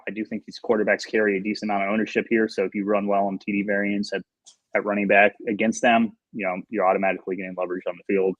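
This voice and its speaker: A man's voice: on the low side, husky, no room sound, lo-fi sound. A man co-hosting a sports betting show, giving his picks in a rambling way with many fillers. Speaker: DFS analyst co-host. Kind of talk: casual podcast chat.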